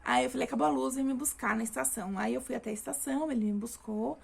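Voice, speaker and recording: A young woman tells a personal story in a loose, chatty way, with lots of fillers and restarts. Her voice sits a little high and carries a gravelly fry. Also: fast, darkish tone. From Brazil. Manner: chatty, frequent fillers and self-corrections. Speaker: vlogger.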